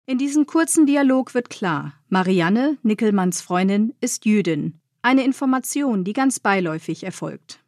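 A woman narrating a scripted radio feature on literature, measured and explanatory. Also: mid-range voice, lively intonation, a little mellow, no room sound, clean studio sound.

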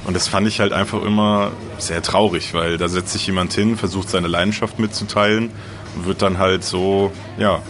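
A young man with a deep voice, talking casually as a gaming YouTuber, with slang and English loanwords. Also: fairly even intonation, normal speed, noisy background. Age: young adult. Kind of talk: casual interview talk.

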